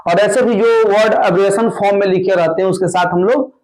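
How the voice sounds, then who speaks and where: A man teaching an exam-prep grammar lesson, going slowly and repeating each answer word by word. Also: high-pitched, fairly even intonation, a little mellow, poor audio. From India. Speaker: English teacher.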